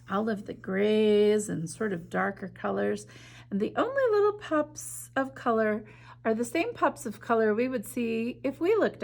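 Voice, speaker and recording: A woman with a gravelly, fairly high-pitched voice reads a storybook aloud slowly, gently and with soft drops in volume. Afterward she discusses the art in an enthusiastic, chatty way.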